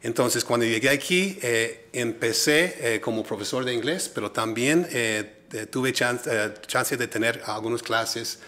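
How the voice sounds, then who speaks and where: This guest, a middle-aged entrepreneur from Minnesota, United States, answers interview questions hesitantly in second-language Spanish, using many fillers and an American English accent. His mid-range voice is bright and forceful, unhurried, with hardly any pauses.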